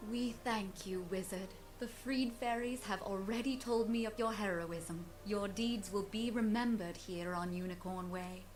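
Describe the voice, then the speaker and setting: A woman's voice: mid-range voice, unhurried, hardly any pauses, close to an everyday voice, poor audio. A woman voicing a gracious, grave fairy lady guardian who speaks formally and earnestly in a video game. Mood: grateful. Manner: formal, earnest storybook delivery. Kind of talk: scripted video game dialogue.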